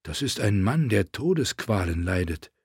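Brief: man voicing a young commander, grim, low, earnest. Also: very animated, moderate pace, slightly rough, dry recording, studio quality, exaggerated voice. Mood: grave.

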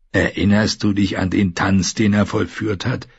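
A man reading an audiobook, voicing a scarred, brutal warrior who talks in a gruff, scornful, growling way. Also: lowish voice, steady tone, unhurried, no room sound, muffled recording, full character voice. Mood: menacing. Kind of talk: audiobook character voice.

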